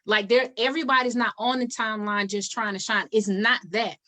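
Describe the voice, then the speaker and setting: A woman hosting a casual interview with an emphatic, preachy delivery. Her voice sits a little high, and she drives each point home by repeating it. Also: steady tone, brisk, sharp tone. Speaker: interview host. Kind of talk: casual chat.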